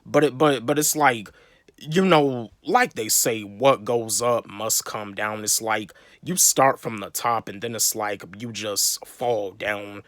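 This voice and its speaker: A man's voice: on the low side, takes it slowly, fairly bright tone, no echo, clean studio sound. A young man from North Carolina, giving a rambling motivational talk to camera, full of repeats, fillers and restarts. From North Carolina, USA. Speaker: vlogger.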